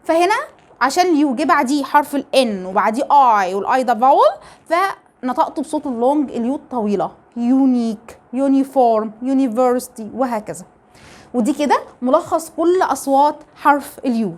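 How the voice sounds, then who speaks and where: A woman's voice: high-pitched, animated, a little fast. A woman with an Egyptian Arabic accent teaching English pronunciation, explaining step by step and asking rhetorical questions. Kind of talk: phonetics lesson.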